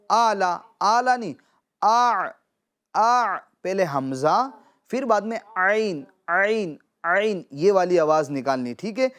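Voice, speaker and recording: A man teaching children Quran pronunciation, patiently repeating and drawing out words to model them. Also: high-pitched. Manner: addresses viewers as dear children. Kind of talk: children's tajweed lesson.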